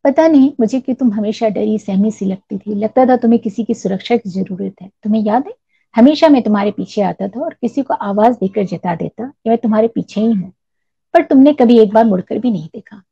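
Storybook role: a shy earnest young man, read by a woman, husky warm tone, dull lo-fi sound. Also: a little high, brisk. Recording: dull lo-fi recording.

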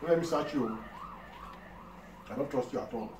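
A man's voice: mid-range voice, moderate pace. A man with a Nigerian accent co-hosting a casual mukbang, teasing in Pidgin-tinged speech as he eats. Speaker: co-host of an eating show. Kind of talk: casual mukbang eating chat. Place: kitchen or dining room indoors. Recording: roomy, distant mic, clear noise.

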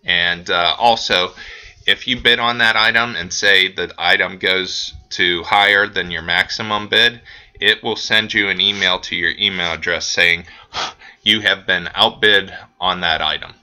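Low-voiced man walking through an auction site. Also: unhurried. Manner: relaxed, with frequent ums and uhs. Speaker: auction house staff giving a website tutorial. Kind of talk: casual screen-recorded walkthrough.

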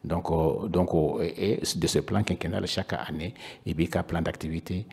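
A man in his fifties with a Malian accent, serving as a regional council official on a panel, explains things hesitantly in Bambara mixed with French, often repeating words. His low voice is steady, darkish and breathy-edged with vocal fry, at a normal speed. He is recorded in an indoor panel room on a handheld microphone with a foam cover.

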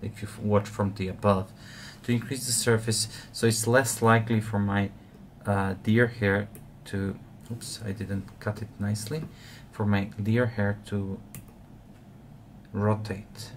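Low-voiced man explaining fly tying. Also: slow, a little hiss or hum. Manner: relaxed, explanatory, frequent uh fillers. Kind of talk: step-by-step tutorial narration.

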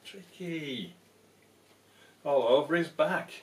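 In a cramped room crowded with soft toys, an older man reads aloud from a children's story, slowly and with animation, in a fairly high-pitched voice. He's recorded by a camera a little distance away, giving a roomy, far-off sound.

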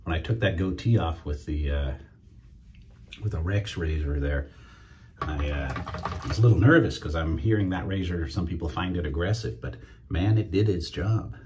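With a low, slightly mellow voice and a moderate pace, a middle-aged man chats easily to viewers as he shaves at home. He's a wet shaving YouTuber doing a casual demo in his indoor shave room, and a little hiss or hum can be heard.

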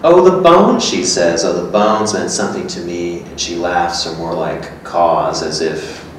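This is a staged reading of a literary script for two, with a man playing a character who is matter-of-fact and reflective. He speaks in a low voice at a measured pace. The sound, picked up by a distant stand microphone, carries echo from the gallery's hard walls and faint noise.

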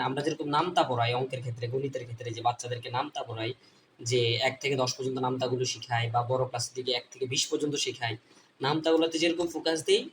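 A man's voice: mid-range voice, distant mic. A man with a Bangladeshi Bengali accent teaching an online phonics lesson, repeating each point and asking and answering his own questions. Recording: voice a bit off-mic, faint background noise.

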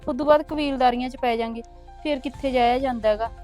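A woman's voice: high-pitched, fairly even intonation, fast talker, soft background music, natural voice. A young woman with a Punjabi accent playing a newly married wife who coaxes and complains to her husband. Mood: coaxing. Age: young adult. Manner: soft, coaxing, complaining. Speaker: actor in a short film. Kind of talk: village short-film acting.

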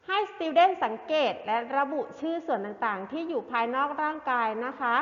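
A woman teacher giving a slow lesson to young children, spelling words out syllable by syllable and mixing in English words. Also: sits high, a bit bright. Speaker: primary school teacher. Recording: dull lo-fi sound with long reverb.

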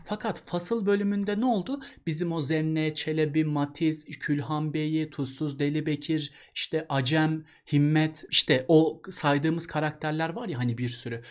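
A man's voice: a little high, fairly even intonation, moderate pace, hardly any pauses. A man teaching an exam-prep literature lesson in a chatty way, asking rhetorical questions and addressing the student as a buddy.

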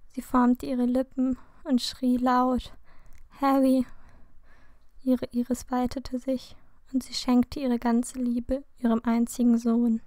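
A woman reading a fan fiction story aloud in calm, slow scripted narration. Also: sits high, dry recording.

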